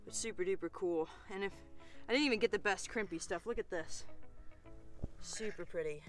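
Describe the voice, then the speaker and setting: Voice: mid-range voice, moderate pace, faint music behind. An American sheep shearer in casual vlog commentary, enthusiastic and admiring while handling the fleece in a shearing pen. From United States.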